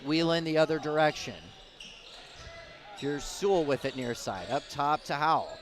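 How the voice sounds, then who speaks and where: A man's voice: fairly high pitch, moderate pace. A man calling live basketball play-by-play in clipped running descriptions from courtside in a gym. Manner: clipped running descriptions that rise in excitement with the action. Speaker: play-by-play sports announcer. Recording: noisy gym with bouncing balls.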